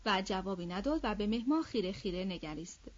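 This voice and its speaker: Woman reading a classic novel aloud. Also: medium pitch. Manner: steady, measured reading. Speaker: audiobook narrator. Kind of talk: scripted literary narration. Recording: slightly dull lo-fi audio.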